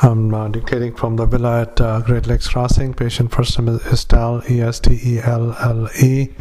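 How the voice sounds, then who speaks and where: A man, a doctor, dictating a clinical note into a dictaphone, halting often with fillers and spelling out words. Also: mid-range voice, completely flat delivery, dark tone. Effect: dictaphone recording. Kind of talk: medical dictation.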